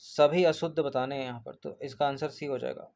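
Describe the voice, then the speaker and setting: A man's voice: mid-range voice, fairly even intonation, brisk, darkish tone. A man working through an exam paper as a teacher, going point by point, repeating each answer and checking in with his students.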